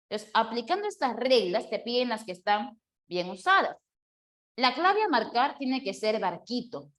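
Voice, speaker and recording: A woman teaching a classroom grammar lesson, explaining step by step with examples and questions to the class. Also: fairly high pitch. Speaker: language teacher.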